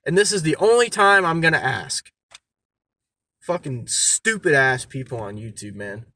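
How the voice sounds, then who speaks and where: A young man talks to camera in a car. His voice sits a little high for a man and has a tense, cutting edge. He rants off the cuff, blunt and exasperated, swearing freely. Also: animated, a little slow, bright, forceful tone, no room sound. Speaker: YouTuber addressing his audience. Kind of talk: unscripted rant to camera. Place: inside a parked car.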